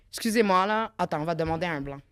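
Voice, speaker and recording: A woman in her thirties with a Québécois French accent, chatting as co-host on a podcast. Her voice sits a little low, and she talks in a reflective, teasing way that is full of casual fillers. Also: fairly quick, fairly bright tone, a little hiss or hum. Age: 30s. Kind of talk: casual chat.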